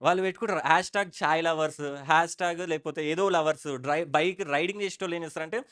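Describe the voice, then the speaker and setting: High-voiced Telangana preacher calling out. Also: male voice, steady tone, rapid-fire, fairly bright tone, clear, resonant tone. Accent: Telangana Telugu. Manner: emphatic, repetitive, calls out to the congregation for responses. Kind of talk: church sermon. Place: church.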